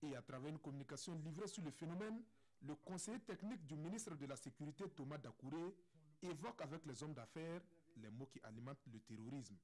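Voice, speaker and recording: A man with a Burkinabe French accent reading a scripted television news report in a measured, formal tone. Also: fairly high pitch, expressive, a little mellow.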